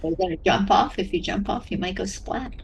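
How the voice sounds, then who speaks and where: A woman's voice: mid-range voice, brisk, husky. A woman, the host's mother, chatting casually and easily as she watches a game. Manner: easygoing, laughs often. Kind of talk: casual chat.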